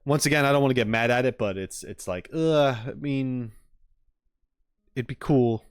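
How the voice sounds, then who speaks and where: A medium-pitched man talks fast over faint background music, streaming live and reacting while he chats with viewers in a loose, rambling way peppered with jokes.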